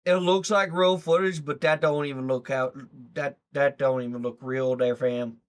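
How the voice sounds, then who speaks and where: A man's voice: medium pitch, steady tone, normal speed. A man streaming live, reacting to a video in loose, rambling chat, swearing and talking to his viewers.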